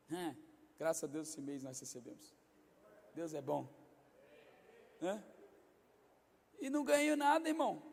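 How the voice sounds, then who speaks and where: High-voiced Brazilian pastor preaching in a hall. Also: male voice. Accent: Brazilian Portuguese, Rio de Janeiro state. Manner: swings from quiet, confiding asides to loud, shouted preaching. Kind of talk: sermon. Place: large church hall. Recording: long hall reverb.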